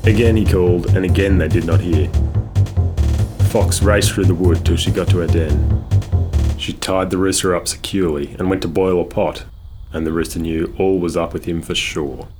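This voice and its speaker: A man reading a children's storybook aloud in a measured, expressive way. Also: deep voice. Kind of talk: scripted storybook narration. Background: guitar music.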